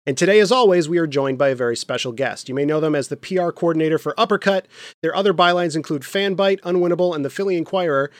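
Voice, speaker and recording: A man hosting a casual podcast, his voice a touch husky from a cold he is getting over. He rambles through quick asides and laughs often. His voice sits a little high, recorded dry and close. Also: dry recording. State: recovering from a cold, slightly husky. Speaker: podcast host.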